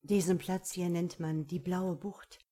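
A woman voicing a gentle, teasing man courting a young woman, speaking low and murmuring in an audiobook. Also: fairly even intonation, unhurried. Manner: soft, low, murmuring delivery. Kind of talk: audiobook character reading.

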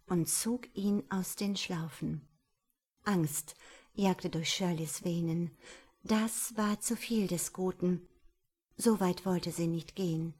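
Slow, breathy woman narrating an audiobook. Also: on the low side, a little mellow. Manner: breathy, intimate, at times half-whispered.

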